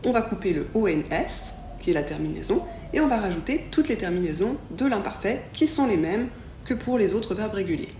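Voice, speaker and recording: A woman teaching a French lesson, saying each example slowly and pronouncing it clearly. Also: mid-range voice, expressive, darkish tone. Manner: slow, clearly articulated model pronunciations. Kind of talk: language lesson. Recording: echoey room with faint background hiss.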